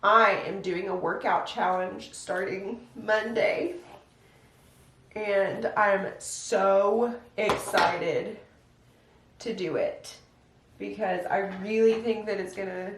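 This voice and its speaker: A young woman, a stay-at-home mom, chatting casually through a step-by-step get-ready-with-me routine at home. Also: mid-range voice. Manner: chatty, relaxed, step-by-step how-to with lots of "like". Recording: echoey room, voice a bit distant.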